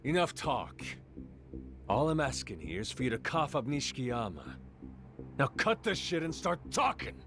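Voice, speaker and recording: An actor voicing a brash, menacing yakuza enforcer in a video game, curt and tough-talking. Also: male voice, mid-range voice, big pitch swings, normal speed, natural voice. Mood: impatient. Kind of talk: dramatic video game voice acting. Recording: game audio with music underneath.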